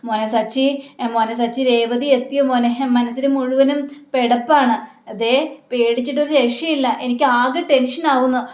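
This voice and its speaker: A woman's voice: high-pitched, steady tone, normal speed, a little mellow, natural voice. A woman voicing a worried middle-aged mother who pleads anxiously, in an echoey room.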